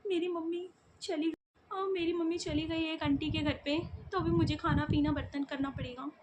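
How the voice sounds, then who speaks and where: A woman's voice: sits high, steady tone, moderate pace, background noise. A young woman vlogger chatting casually to her viewers, telling stories in a giggly, talkative way.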